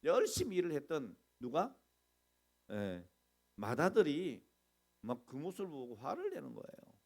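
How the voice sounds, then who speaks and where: A middle-aged man preaching a sermon as pastor, animated, asking the congregation questions and acting out complaints. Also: a little high, unhurried.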